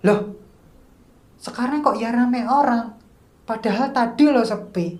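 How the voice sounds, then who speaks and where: A woman voicing a panicked young male hiker who calls out loudly for his missing girlfriend. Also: a little high, unhurried, lightly acted. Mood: confused. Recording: echoey room.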